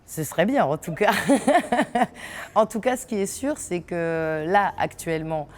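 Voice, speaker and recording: Woman, deep voice, from French Guiana, actress in an interview, laughing, hesitant, bare theatre hall. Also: unhurried. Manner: lively, laughs often, many hesitations. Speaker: actress and theatre company owner. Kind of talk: interview answers.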